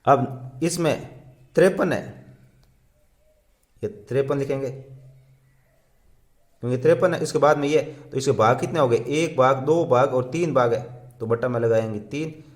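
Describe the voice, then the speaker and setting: A man's voice: mid-range voice, unhurried, long pauses. A man teaching a primary school math lesson, counting aloud and repeating each step.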